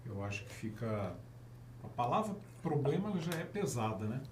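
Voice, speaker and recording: A man chatting in an easygoing, jokey way, often chiming in with quick agreement. His pitch moves a lot. He sits back from the microphone in an echoey room with faint noise behind. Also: very animated, distant mic. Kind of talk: casual podcast chat. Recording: echoey room, further from the mic.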